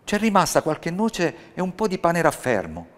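A man voicing a humble, thrifty shoemaker's wife in a storybook reading, raising his voice into a mild, soft-spoken tone. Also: fairly high pitch, wildly swooping pitch, normal speed, long reverb tail, pitched above the performer's own voice.

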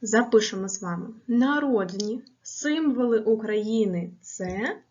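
A woman teaching a grammar lesson to schoolchildren on video, speaking slowly and clearly and asking and answering drill questions. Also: medium pitch, expressive, darkish tone, muffled recording.

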